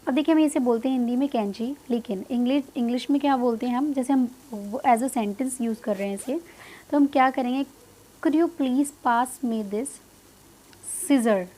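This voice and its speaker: A woman with an Indian English accent teaching English pronunciation, mixing in Hindi and drawing out each model word slowly for learners. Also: sits high, warm tone. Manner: slow, drawn-out model words, repeated for learners; mixes Hindi with English phrases. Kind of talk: spoken language lesson.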